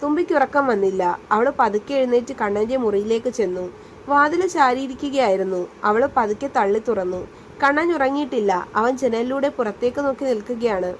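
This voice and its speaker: A woman's voice: fairly high pitch, moderate pace, a little hiss or hum. Woman narrating a romance story. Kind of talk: reading a serialized romance story aloud.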